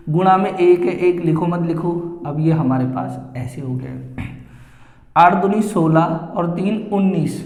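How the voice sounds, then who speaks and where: A man teaching maths at a board, explaining each step slowly and repeating the same phrases as he goes. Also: on the high side, darkish tone. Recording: echoey room with long reverb.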